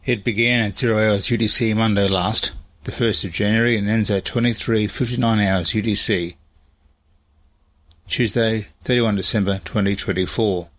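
A man with a fairly low voice presents operational news. He reads from a script in the format of a radio bulletin. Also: fairly even intonation, moderate pace, fairly bright tone.

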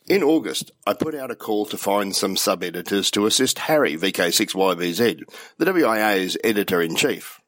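A man's voice: low voice, a bit bright, no room sound, clean studio sound. An Australian man in his sixties with a stuffy, nasal cold voice, reading a club news report. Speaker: radio club official giving a news report. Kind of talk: read news commentary.

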